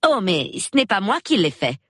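A woman reading an audiobook gives voice to a spirited young woman who talks directly. Her speech rises and falls widely. It has a husky edge and a dry, close sound. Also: lowish voice, lively intonation, slow, a bit bright, no echo, pitched above the performer's own voice, exaggerated voice.

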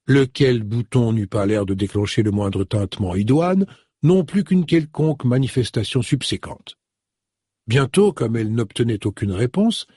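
Guy narrating an audiobook, lots of pitch movement, kinda husky and breathy. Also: a little mellow, dry recording, clean studio sound. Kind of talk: scripted narration.

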